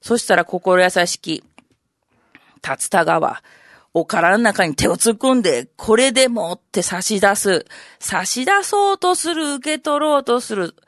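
A woman's voice: medium pitch, very animated, measured pace, no room sound. Brief: bluffing Kansai elder in rakugo, played by a woman, condescending storyteller, close and dry. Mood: storytelling. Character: know-it-all older Kansai man bluffing an explanation.

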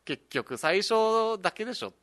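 A man in casual chat about comedy newcomers, lively and laughing often, acting out what others said. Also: high-pitched, normal speed, no room sound, studio quality. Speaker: comedy troupe member.

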